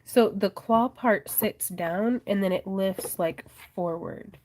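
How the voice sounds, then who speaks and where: A woman with a mid-range voice hosts a crafting livestream at a slow pace, chatting casually, reading viewer comments aloud and laughing softly often. A sinus infection leaves her congested and losing her voice, and the rough recording carries a little hiss or hum.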